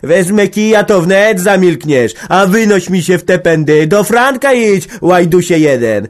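A man voicing a middle-aged organist's wife who scolds and shouts shrilly. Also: on the low side, flat delivery, moderate pace, natural voice. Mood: furious.

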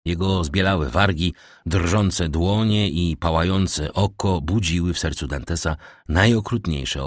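A male audiobook narrator with a low voice tells the story in a measured, dramatic way. The recording is close and dry, with no room sound. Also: no room sound. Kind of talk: scripted narration.

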